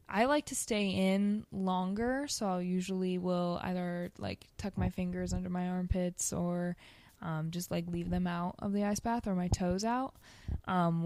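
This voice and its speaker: A woman's voice: fairly low pitch, darkish tone, no room sound. A young woman guest speaking casually in an interview, with hesitant, informal phrasing that tends to trail off. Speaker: podcast guest, ice bath coach.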